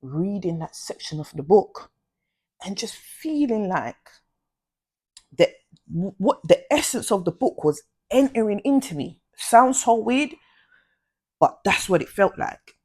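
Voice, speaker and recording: Husky young woman telling stories. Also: mid-range voice, measured pace. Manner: animated, slangy storytelling. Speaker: vlogger. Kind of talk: storytime vlog.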